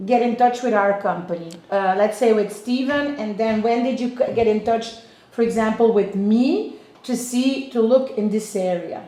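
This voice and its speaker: Mellow-voiced Belgian-born woman in her fifties. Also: fairly high pitch, moderate pace. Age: 50s. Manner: explains at length, frequent restarts. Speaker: real estate agent and interviewer. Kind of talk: casual interview chat. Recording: echoey room.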